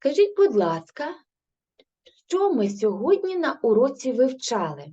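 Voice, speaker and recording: Slow patient Ukrainian schoolteacher woman. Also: high-pitched, big pitch swings, warm tone, slightly rough. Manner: slow, patient questioning and answering herself. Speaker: primary school teacher. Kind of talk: recorded grade-three language lesson. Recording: dull lo-fi recording.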